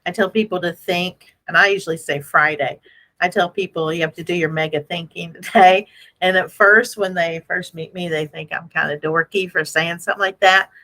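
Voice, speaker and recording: A woman hosting a casual motivational business chat in an animated, playful, self-deprecating way, repeating phrases for emphasis. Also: on the low side, normal speed, poor audio. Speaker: host.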